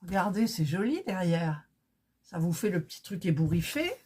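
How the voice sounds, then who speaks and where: A woman's voice: on the low side, very animated, normal speed, darkish tone, husky. A woman talking her way through a crafting project in a casual vlog, thinking aloud and getting flustered when it goes wrong. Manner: chatty, thinking aloud, gets flustered and exasperated. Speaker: craft vlogger.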